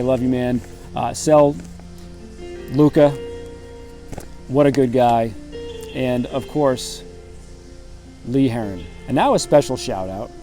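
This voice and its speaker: Mellow-voiced laid-back man reading shout-outs. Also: mid-range voice. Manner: laid-back, jokey, swears casually. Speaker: bonsai channel host. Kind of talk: casual shout-out roll call.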